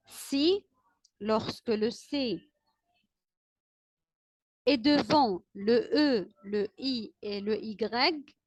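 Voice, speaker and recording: Teaching the alphabet to a class, a woman with an Arabic-speaking accent repeats letters and words in a slow, drawn-out way and gives frequent praise. She speaks high, and there's no room sound.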